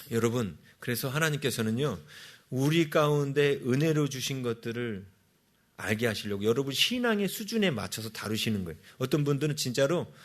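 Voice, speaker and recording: A male pastor giving a sermon, asking the congregation questions and answering them himself. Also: medium pitch.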